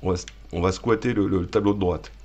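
A man hosting a gaming video, joking and shouting at the game as he plays and talks to his viewers. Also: low voice, fairly even intonation, a little fast, lo-fi sound. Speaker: gaming channel host. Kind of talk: live let's-play commentary.

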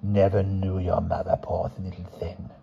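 A man voicing an ancient female fortune teller who speaks slowly and deliberately in rhythmic, cajoling phrases. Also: sits low, flat delivery, creaky, husky, highs cut off, heavily acted. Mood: ominous. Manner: slow, deliberate, rhythmic speech.

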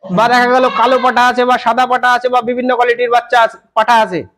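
A goat farmer from West Bengal explaining breeding to an interviewer, often checking that the listener follows. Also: male voice, very high voice, little pitch movement, fast talker, a bit bright. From West Bengal, India. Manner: repeats "কিন্তু" and "বুঝতে পেরেছেন?" often. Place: goat farm, outdoors.

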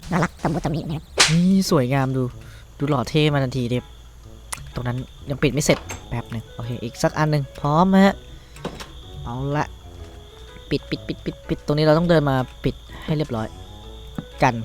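A man's voice: fairly high pitch, normal speed, long pauses, a little mellow, faint music behind. A teenage boy with a Thai accent, rambling to himself as he plays and crafts in a survival game, swearing casually. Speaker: gaming YouTuber. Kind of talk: Minecraft let's play commentary.

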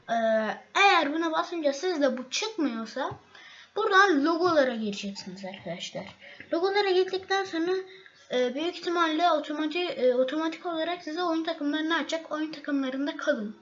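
High-voiced woman giving a hesitant tutorial. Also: fairly bright tone. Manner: halting, many fillers and restarts, addresses viewers as friends. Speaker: tutorial host. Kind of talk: casual screen-recorded software tutorial. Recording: slightly dull, faint noise.

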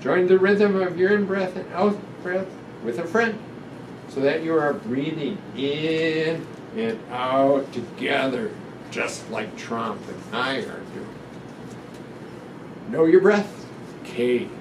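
Reading slowly in a voice on the high side, an older man, a guest doctor, shares a picture book at a children's storytime with guided breathing instructions. He's gentle, deliberate and instructive, pausing between phrases. Indoors before a sequined curtain, he is captured by a roomy, distant mic with noticeable ventilation hum.

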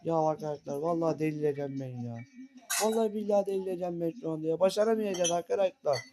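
Gaming creator, male, high voice, excitable and complaining, repeats words, loud music underneath. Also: racing. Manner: frantic, complaining, repeats words and calls to viewers. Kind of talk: excited let's-play commentary.

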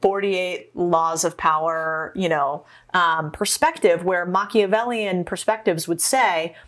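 A woman's voice: on the low side, takes it slowly, a bit bright. A woman from Arizona, a guest in a casual interview, telling her story animatedly and acting out quotes. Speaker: podcast guest, entrepreneur.

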